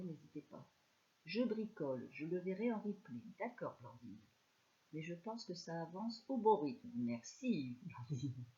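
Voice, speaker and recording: A woman with a northern French accent giving a live scrapbooking tutorial, chatty and soft-spoken, with many fillers. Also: lowish voice, lo-fi sound. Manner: speaks softly, chatty, many fillers like "alors" and "hein". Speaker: scrapbooking demonstrator.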